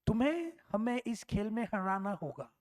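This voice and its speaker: A man's voice: high voice, sing-song, normal speed, a little mellow. A man voicing an arrogant British officer who speaks Hindi with a British accent. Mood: challenging.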